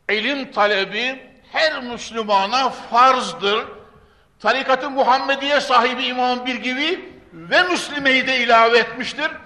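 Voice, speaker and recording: A man preaching into a pulpit microphone in a big hall, his high voice ringing out with a long reverb. His tone is bright and forceful. He declaims scripture in a sing-song cadence, then sinks to a hushed, earnest murmur. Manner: declaims Arabic quotations, drops to hushed earnest tones. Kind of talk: sermon.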